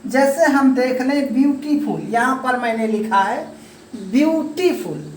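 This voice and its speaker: A woman teaching an English grammar lesson, explaining slowly step by step and calling the viewers friends. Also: high-pitched, expressive, darkish tone, soft background music. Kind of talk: classroom-style grammar lesson. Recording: echoey room, voice from a distance, faint ambience.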